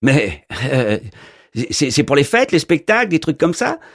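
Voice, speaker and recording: A man's voice: fairly high pitch, big pitch swings, measured pace, voice pushed up, full character voice. Man doing a giggly, mocking round mailman. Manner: teasing, chuckling, nosy questions. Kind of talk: audiobook character voice.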